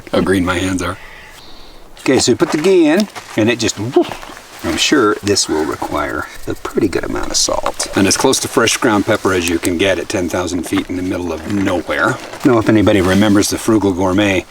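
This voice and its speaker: A man's voice: deep voice, background noise. A man chatting casually and joking while he cooks on a backpacking trip, recorded outdoors on a distant camera mic. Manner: animated, joking, quick bursts of excitement. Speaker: backpacker vlogger. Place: outdoors at a high mountain lake.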